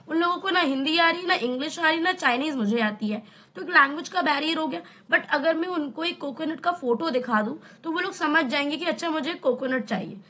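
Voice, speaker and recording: Young female tutor, high voice, casual and conversational online lesson. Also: a bit bright. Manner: chatty, explains with everyday examples and rhetorical questions. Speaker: teacher.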